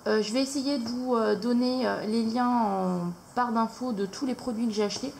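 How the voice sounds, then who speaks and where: Woman, craft vlog host, casual and halting, gravelly edge, faint hiss behind. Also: a little high, darkish tone, poor audio. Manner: hesitant, many fillers. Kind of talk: casual haul video.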